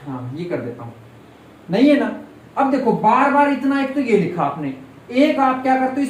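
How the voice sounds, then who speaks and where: A man's voice: very high-pitched, a little mellow. A man teaches maths to a classroom, firing short questions and repeating each term so the students say it back. His mid-range voice comes from some distance away in a reverberant room with faint background noise. It sounds like a live class recorded on a far-off mic. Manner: keeps quizzing the class, repeating key terms. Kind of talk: classroom lesson with call-and-response questions.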